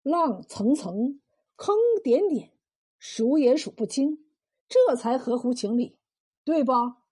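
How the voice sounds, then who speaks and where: Woman doing a blunt old fisherman, slow folksy drawl, husky tone, storytelling voice. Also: on the high side, mellow. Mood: lecturing. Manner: slow, drawn-out folksy speech. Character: weathered old male fisherman, blunt and wise. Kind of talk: storytelling role voice.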